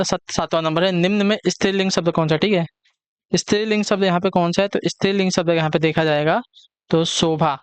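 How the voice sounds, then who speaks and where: A man's voice: fairly high pitch, smooth, dry recording. A man teaching an online exam-prep lesson. He repeats each question and answer and keeps checking in with his students.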